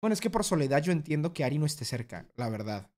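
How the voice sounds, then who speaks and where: A man streams a casual reaction to a video, fast and sing-song with a fairly high pitch. He talks bluntly and swears freely, now and then acting out a voice in a sudden loud burst.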